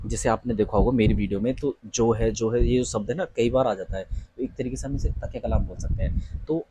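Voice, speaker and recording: A man's voice: medium pitch, brisk, warm tone, husky, no echo, low-quality recording. A young man teaching an online lesson on pronunciation for job interviews, patiently repeating each word and checking in with his students. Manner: patient, repeats words and asks "ठीक है ना?". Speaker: teacher coaching interview candidates.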